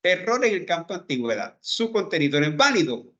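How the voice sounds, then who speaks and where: A man's voice: high-pitched, big pitch swings, sharp tone, lo-fi sound. A man teaching a programming class, talking through code step by step and checking in with his students as he goes. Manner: slow, step-by-step explaining, checks in with "¿verdad?". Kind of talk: screen-recorded coding lesson.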